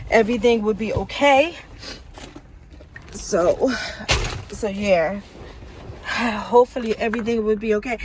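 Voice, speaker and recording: A young woman chatting casually to her phone camera, telling a story and calling her viewers y'all. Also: mid-range voice. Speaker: vlogger. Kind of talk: casual chat. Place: outdoors on a city street and in a car. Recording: faint street and car noise.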